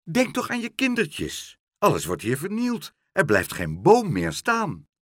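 A man's voice: on the high side, wildly swooping pitch, measured pace, fairly bright tone, dry recording, clean studio sound, voice pushed up, exaggerated voice. A man voicing a worried, scolding female bird in a storybook.

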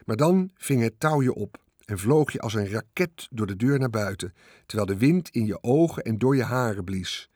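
A man's voice: moderate pace, no echo, studio quality. A man reading a children's story aloud, expressively following the action with his voice. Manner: expressive, swings pitch with the action. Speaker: narrator. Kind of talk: storybook narration.

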